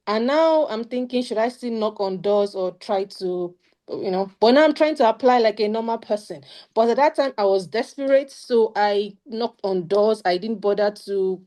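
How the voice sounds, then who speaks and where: On a video call during a casual panel talk, a young woman with a Nigerian accent recounts her study-abroad experience earnestly and with emphasis. Her voice is mid-range and warm.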